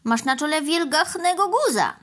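A fussy, greedy male crow from a children's storybook, squawking "kra" and firing off brisk, evasive retorts, as a woman reads him. His voice is pitched very high, above a plain speaking voice. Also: expressive, fairly bright tone.

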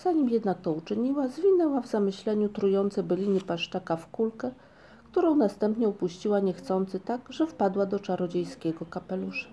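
A woman reading a children's storybook aloud as narrator, calm and even-paced. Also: mid-range voice, fairly quick.

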